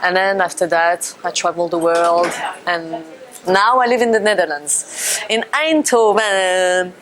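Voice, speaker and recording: A French woman in her thirties, speaking English as a second language with a French accent, hesitantly describes her life as a dancer, using many fillers and restarts. Her voice is lowish and a little slow, and this casual personal account is recorded in poor audio with crowd noise behind her.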